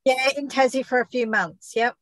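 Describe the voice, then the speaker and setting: Woman chatting on a group video call, fairly high voice, no room sound. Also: fairly even intonation, normal speed, no echo. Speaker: workshop attendee. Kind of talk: casual chat on an online group call. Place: online call. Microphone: video call microphone.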